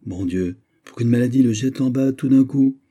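A man reading aloud, voicing an earnest courtier who reasons in a measured way. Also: medium pitch, warm tone, voice pushed up, close to an everyday voice. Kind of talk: audiobook character reading.

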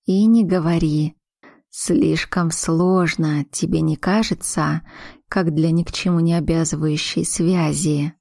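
A woman's voice: low-pitched, steady tone, measured pace, creaky, dark tone, no echo, studio quality, full character voice. A woman voicing an emotional grown daughter. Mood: wry.

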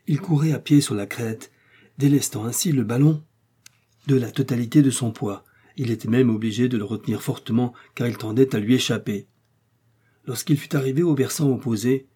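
A man reading an adventure novel aloud, in steady, measured audiobook narration. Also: mid-range voice, slightly rough. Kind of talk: scripted narration.

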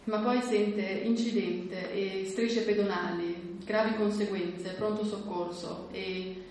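A woman reads a story aloud in a steady, measured voice of medium pitch. The room is strongly reverberant, and a faint noise sits under her voice. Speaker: reader at a book presentation. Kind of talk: literary reading aloud. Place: hall at a book presentation.

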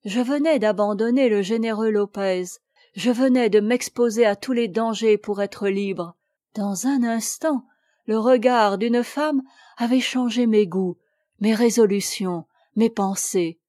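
A woman reading a classic novel aloud as an audiobook, in a measured, expressive way. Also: on the high side, no echo, clean studio sound. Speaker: audiobook reader.

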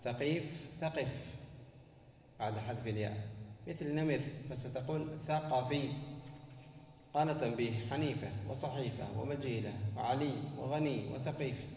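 A man's voice: mid-range voice, fairly quick, darkish tone, reverberant, long reverb tail, far from the mic, slight background noise. A man teaching a grammar lesson, asking questions and answering them himself and repeating words for emphasis. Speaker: teacher of Arabic morphology. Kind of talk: classroom lesson explaining grammar.

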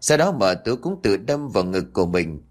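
Male audio-story narrator, low voice, measured and earnest. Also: sing-song. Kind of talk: scripted narration of a ghost story.

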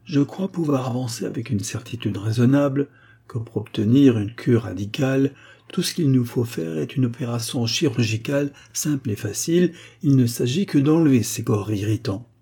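Storybook role: smug elderly blind healer, lecturing, husky and dark as a male reader does him. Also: medium pitch, moderate pace. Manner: self-assured, lecturing. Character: pompous old blind village doctor.

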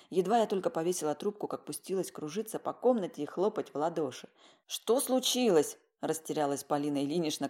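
A woman narrating a first-person audiobook in a wry, expressive way. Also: sits low.

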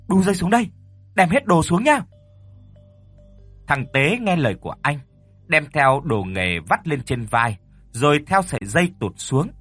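Man reading a spooky story, lively pitch, husky, dry close mic, faint music behind. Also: dry recording. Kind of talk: scripted horror story narration.

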